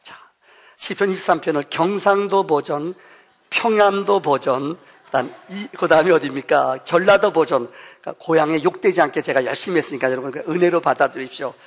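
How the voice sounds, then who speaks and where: A man from Seoul preaches in a husky, fairly high voice, chatting and joking with his congregation. The church sanctuary gives his voice a long, ringing reverb. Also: a little fast. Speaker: pastor. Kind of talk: sermon.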